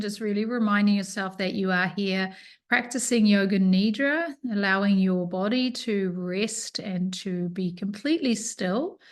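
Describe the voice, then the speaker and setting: A woman leads a yoga nidra session, guiding listeners through relaxation with calm, unhurried instructions and pauses. Her voice is medium in pitch.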